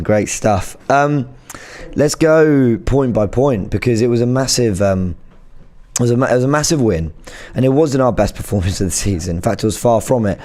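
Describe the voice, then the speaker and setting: A man who has lost his voice, speaking hoarsely as he casually presents a fan show to camera. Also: fairly low pitch, mellow. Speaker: fan channel host.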